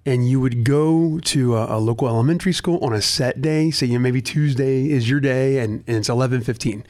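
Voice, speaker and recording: A man's voice: mid-range voice, brisk, a little mellow. An earnest man, a guest on a talk show, speaking casually with frequent restarts about volunteering. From United States. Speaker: nonprofit director, guest.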